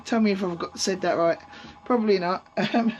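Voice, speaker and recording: With a mid-range voice made gruff by a sore throat, an allotment vlogger wanders through her greenhouse outside, chatting casually, rambling, and saying um a lot for a camera on a tripod. She talks at a moderate pace in a slightly mellow tone. The highs are cut off, and lawnmowers and traffic sound behind her.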